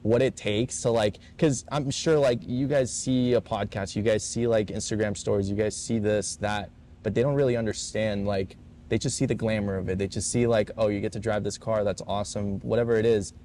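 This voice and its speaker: Rambling through casual chat as a podcast co-host in a warehouse, this man peppers his talk with fillers and swear words. His voice is lowish and warm, his tone steady, and his pace a little quick, with some hiss or hum in the background.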